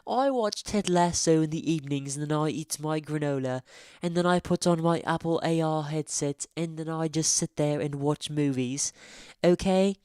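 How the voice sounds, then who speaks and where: A smug tech snob with a put-on British accent drawls on about his superior gadgets, as a man puts him on. The voice sits a little above the speaker's own pitch and sounds dry and close. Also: darkish tone, clean tone, no echo, natural voice. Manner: smug, drawn-out, preachy. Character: snooty Apple-loving male tech snob.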